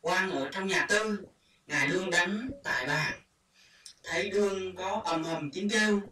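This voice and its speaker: A storyteller reading a short story aloud at a measured, deliberate pace. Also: medium pitch, pushed and bright. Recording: echoey room, far from mic, faint hiss.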